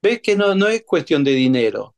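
Emphatic preacher man, fairly high voice. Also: sing-song, moderate pace. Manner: repetitive, emphatic, asks the congregation rhetorical questions. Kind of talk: sermon.

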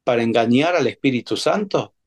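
A man's voice: medium pitch, expressive, fairly quick, voice pushed down. A man preaching who voices a stern male apostle rebuking someone with accusing questions, in his own voice.

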